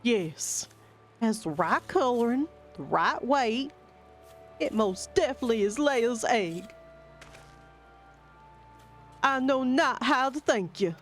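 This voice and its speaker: A woman reading game dialogue aloud, voicing a formal, dignified forest guardian with stately, old-fashioned phrasing and a measured delivery. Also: on the high side, animated, fairly bright tone, faint music behind. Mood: relieved. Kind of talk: reading video game dialogue in character voices.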